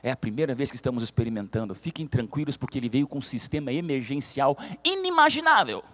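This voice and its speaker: A man voicing a calm airline pilot who soothes his passengers slowly and steadily, within a sermon story. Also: medium pitch, voice pushed down. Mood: reassuring. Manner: soothing, slow reassurance.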